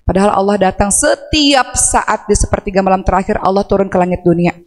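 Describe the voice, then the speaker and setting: A woman's voice: mid-range voice, lively intonation, a little fast. A woman preacher talking casually to a women's audience, asking them questions and acting out anguished prayers. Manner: conversational, asks the audience questions; acts out anguished prayers in a raised voice. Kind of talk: religious talk to women. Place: large mosque hall. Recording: long hall reverb.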